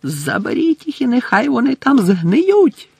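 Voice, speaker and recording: A man voicing a stern older male judge who speaks loudly and formally. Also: a little high, measured pace, no echo. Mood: furious. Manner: loud, shouting, clipped formal speech.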